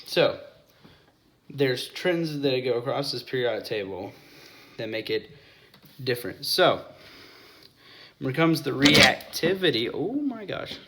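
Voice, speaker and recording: A man's voice: medium pitch, expressive, a little slow, pauses often, a bit bright. A young man explaining chemistry in a casual whiteboard lesson, often stopping to correct himself and apologize.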